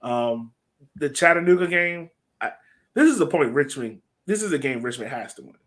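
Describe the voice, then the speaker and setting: A man co-hosts a soccer podcast, talking through the analysis in a casual way and repeating phrases to stress his points. His voice is a little high and fairly bright, very animated, at a moderate pace.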